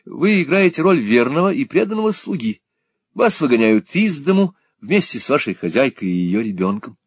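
A man's voice: mid-range voice, very animated, moderate pace, breathy edge, dry recording, pitched above the performer's own voice. A man voicing an earnest, naive young playwright who explains things politely with a touch of irony. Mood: hesitant.

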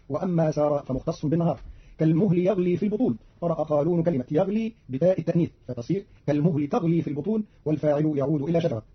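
A man reading a formal, scripted explanation of recitation variants as a radio announcer, in a brisk, even delivery. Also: fairly high pitch, husky. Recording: dull lo-fi radio archive recording.

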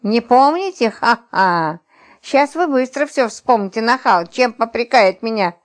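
A woman reading an audiobook voices a plump, indignant housewife who scolds in shrill outbursts. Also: animated, unhurried.

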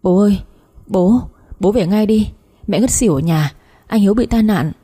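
A woman's voice: medium pitch, normal speed, warm tone, slightly rough, natural voice. A woman voicing a frightened, tearful young daughter. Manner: tearful, pleading.

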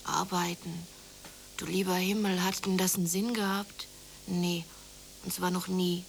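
In a noisy German radio play from the 1980s, an actress voices a despondent, worn-out mother whose manner is brooding and exasperated. Her voice is fairly low and level, a little slow, with vocal fry, and the mood is one of despair.

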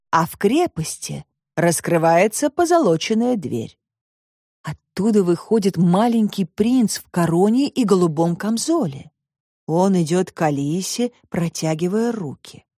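A woman narrates a children's story with an expressive, storytelling manner. Her pitch moves a great deal. The recording is close and dry. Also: no room sound. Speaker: audiobook narrator. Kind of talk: scripted narration.

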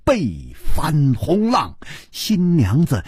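Male storyteller, dramatic and lively, huskiness in the voice. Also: fairly high pitch, very slow, slightly rough, no echo, studio quality. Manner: dramatic, sweeping intonation. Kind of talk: traditional Chinese storytelling.

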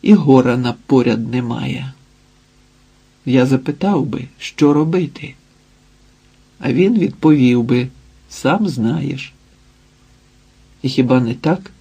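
A man voicing Ilia, a husky anxious young man. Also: mid-range voice, slow pace, pauses often, warm tone. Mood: fretful.

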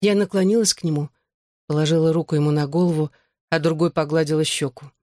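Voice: medium pitch, fairly even intonation, fast, warm tone, dry recording, studio quality. An audiobook reader giving an earnest, emotional first-person narration of a novel.

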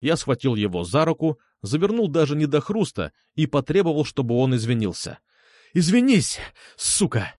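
A man narrating a story in the first person with a lively, expressive delivery. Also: mid-range voice, brisk, hardly any pauses, no room sound. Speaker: audiobook narrator.

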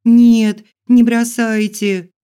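Man doing a terrified young woman, shrill cries, high strained pleading, audiobook voice, smooth clean delivery. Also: little pitch movement, measured pace, natural voice. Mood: panicked. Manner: shrill panicked shouting and pleading. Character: frightened young woman heroine, bound and desperate. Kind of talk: audiobook character voice.

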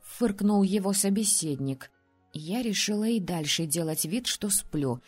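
A husky woman narrates an audiobook in the first person, with an even, measured delivery. Soft music plays faintly behind her. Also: medium pitch.

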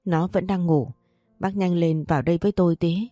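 Woman putting on a terrified older housemaid, wailing cries, low voice, dry sound. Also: steady tone, moderate pace, dark tone, no echo, faint music behind, lightly acted. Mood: frightened. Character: frightened older female housemaid.

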